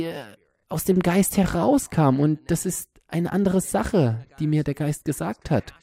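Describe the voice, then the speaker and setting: A man's voice: sits high, gravelly, warm tone, slightly rough, no room sound. A man earnestly recounting, in a matter-of-fact way, how he hears and sees a spirit that tells him things. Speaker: medium. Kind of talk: personal storytelling talk.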